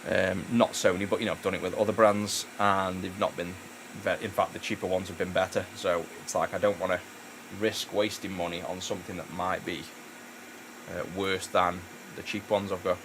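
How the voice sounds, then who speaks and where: A man's voice: sits low, flat delivery, moderate pace, noisy background. A man chatting casually while repairing electronics, rambling with many fillers and restarts. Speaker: electronics repair channel host. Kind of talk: casual chat while working.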